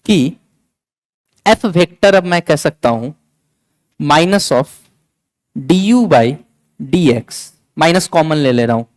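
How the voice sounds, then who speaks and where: A man's voice: on the high side, dry recording, poor audio. A man teaching a physics lecture in mix, chatty and coaxing, repeating key points and scolding students playfully. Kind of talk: classroom lecture.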